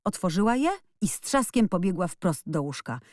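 Woman narrator, audiobook, low voice, dry close sound, expressive. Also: moderate pace, no room sound. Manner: expressive storytelling. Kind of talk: scripted narration.

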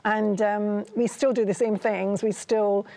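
A Scottish woman in her sixties from Ayr sits at a table in a TV studio, sharing personal testimony as a talk show guest in a conversational, hesitant manner. Her medium-pitched voice is dark and creaky, delivered flatly and without hurry.

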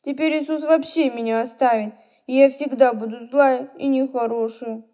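A woman voicing an emotional, quick-tempered little girl in a children's storybook reading. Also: sits high, fairly even intonation, dark tone, lightly acted. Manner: emotional, exclaiming, tearful.

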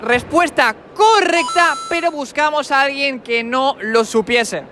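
A brash young man with an extremely high, pushed and bright voice hosts a teasing street quiz in an indoor convention hall, speaking unhurriedly. He mocks contestants with playful insults into a handheld mic with a furry windscreen, and there is a little hiss or hum.

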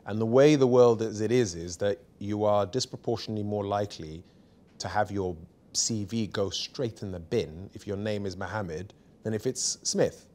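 A man's voice: fairly low pitch, normal speed. A man in his forties, a barrister, speaking candidly and emphatically as an interview guest in a small studio. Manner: emphatic, candid, lively anecdotes. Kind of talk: seated conversational interview. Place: small bright studio set.

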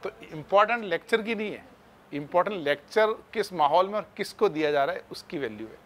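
Chatty man, slightly high voice. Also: lively intonation, fairly quick. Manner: chatty, addresses students like friends. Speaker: chemistry teacher. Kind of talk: casual classroom talk.

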